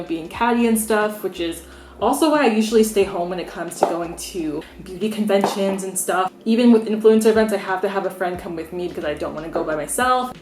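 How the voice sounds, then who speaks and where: A woman's voice: mid-range voice, darkish tone. Frank young woman in a roomy space. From United States. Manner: frank, opinionated, conversational with many "like"s. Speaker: beauty vlogger. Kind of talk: candid opinion vlog. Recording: roomy echo.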